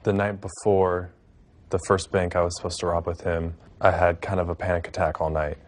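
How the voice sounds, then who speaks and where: A young man in his twenties recalling past events in an interview, in a measured, reflective way. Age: 20s. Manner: low, flat, measured, reflective. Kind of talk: interview recollection.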